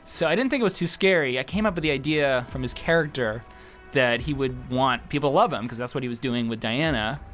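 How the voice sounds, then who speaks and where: A man's voice: medium pitch, fairly quick, a bit bright, soft background music. A man giving casual, joking commentary as a film's director, with self-deprecating humour.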